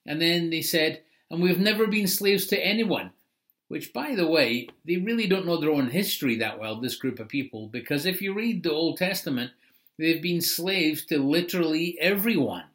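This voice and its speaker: A man's voice: on the high side, expressive, normal speed, fairly bright tone. A middle-aged man preaching a sermon in a conversational, explanatory way, with asides. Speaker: pastor.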